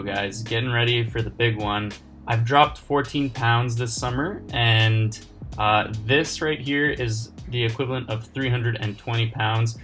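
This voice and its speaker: A man's voice: medium pitch, a bit bright. A young man giving casual, chatty commentary over his gym workout video, laid-back with lots of fillers. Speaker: fitness vlogger.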